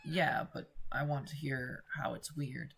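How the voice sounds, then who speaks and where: Low, bright-voiced woman rambling over gameplay. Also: steady tone, unhurried, gravelly, husky, faint music behind. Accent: mixed Atlantic and American. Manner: rambling, tangential, swears casually. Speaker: let's play host. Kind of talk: casual gameplay commentary.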